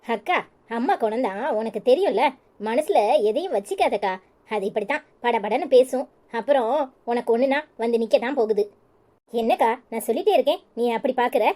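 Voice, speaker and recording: A woman voicing a gentle younger sister in a cartoon, consoling softly with a Tirunelveli Tamil accent. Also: on the high side, lively intonation, fairly quick, voice pushed down. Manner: soft, consoling.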